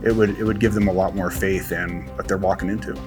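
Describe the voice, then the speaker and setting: A man's voice: deep voice, little pitch movement, fast, music in the background. A young man talking in an interview. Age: young adult. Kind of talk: interview talk.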